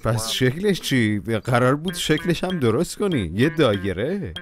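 A man's voice: medium pitch, very animated. Playful man narrating a kids' cartoon. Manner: playful, coaxing, talks to the characters. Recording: music playing behind the voice.

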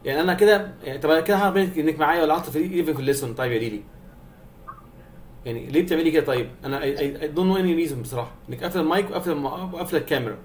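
A man's voice: on the high side, rapid-fire, a little hiss or hum. A young man with an Egyptian Arabic accent teaching a private online math lesson, coaxing his students and checking that they follow. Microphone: video call.

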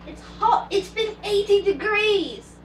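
A woman's voice: very high voice, slow, reverberant, slight background noise. A woman playing a bossy, prim young Englishman in an amateur cosplay comedy skit, giving orders in a dry way, filmed by a far camera in a home kitchen.

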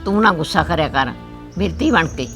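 A woman playing a frail, gentle elderly village mother with a Punjabi accent, consoling her daughter. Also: fairly low pitch, expressive, fairly quick, faint music behind. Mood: tender. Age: older. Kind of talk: village drama acting.

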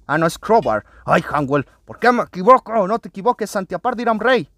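An excitable man, hosting a let's play video and talking to his viewers as he plays. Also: sits high, a little fast, no room sound. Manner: excitable, often addresses viewers as friends. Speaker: gaming channel host.

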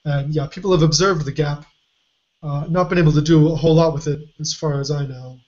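Slightly hoarse man, halting podcast talk. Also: on the high side, steady tone, a little mellow. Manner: halting, many fillers and restarts. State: losing his voice. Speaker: podcast co-host. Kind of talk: casual puzzle discussion. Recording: dull lo-fi podcast audio.

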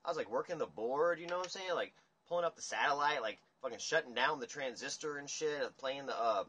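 A young man rambling through a livestream chat, swearing freely and ranting with animated energy. His voice is bright and forceful but husky. It sounds like a phone picking him up in a dim room. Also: medium pitch, fast talker, muffled recording. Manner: rambling, profane, animated rants. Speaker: livestream host. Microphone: phone camera at table.

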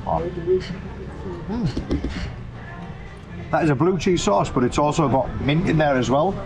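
Reviewing food on a roadside open-air restaurant terrace, this British vlog host in his thirties speaks with a fairly high, animated, unhurried voice and some vocal fry. He's chatty, slangy and emphatic, repeating phrases for effect. The rough recording has music over it plus street noise and passing vehicles.

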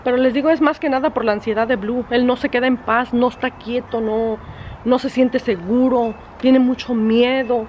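A woman vlogging casually from home, chatty and exasperated, sometimes breaking off to scold her dog in sharp high bursts. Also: fairly even intonation, moderate pace, highs cut off, a little hiss or hum. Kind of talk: casual vlog chat. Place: at home, indoors and outdoors.

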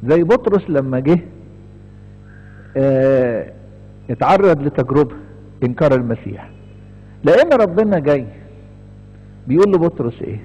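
Husky Egyptian priest preaching with lively pitch. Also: male voice, normal speed, long pauses. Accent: Egyptian Arabic. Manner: impassioned, swings from emphatic rises to hushed pleading asides. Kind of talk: sermon. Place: church. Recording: dull, echoey church recording.

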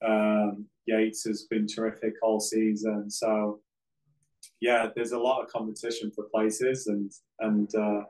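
A man, a football coach answering press questions after a game on a video call, measured and full of fillers. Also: fairly low pitch, rough recording. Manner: measured, flat delivery with many fillers. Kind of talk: post-game press conference. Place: press backdrop, indoors.

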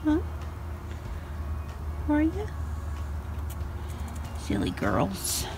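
Her pitch swings hugely and she draws out her words, and the recording is very noisy. This older woman, a vlogger, chats casually through her morning chores in the backyard and shed outdoors at night, filming on a handheld phone. She sing-songs sweetly and high to her dogs and chickens.

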